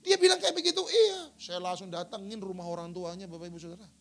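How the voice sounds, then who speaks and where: A man's voice: sits high, expressive, quick pace. A middle-aged male pastor preaching a sermon in a church, telling stories and acting out quotes. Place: church sanctuary.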